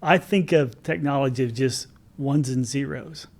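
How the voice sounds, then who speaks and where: A man's voice: medium pitch, moderate pace, a little mellow. Man in his sixties, podcast host, casual interview, filler-heavy friendly questions. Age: 60s.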